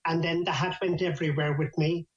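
An older man with an Irish accent, a traditional storyteller with a lilting, unhurried delivery and dry wit. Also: on the high side, little pitch movement. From Ireland. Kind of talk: storytelling in conversation. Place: at home, over a video call. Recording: echoey, dull video-call audio.

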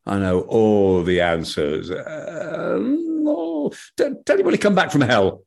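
Man doing cocky young know-it-all, husky, bouncy delivery, folk tale. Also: on the high side, wildly swooping pitch, slow, full character voice. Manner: boastful, flippant, chuckling.

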